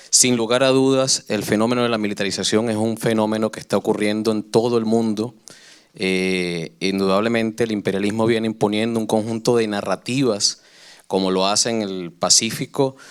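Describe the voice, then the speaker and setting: A man's voice: on the low side, clear, resonant tone. A man from Venezuela with a Venezuelan Spanish accent, speaking from the floor at a panel in a conference hall in earnest, oratorical, long flowing sentences. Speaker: audience member, peace activist. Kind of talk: public floor statement at a panel.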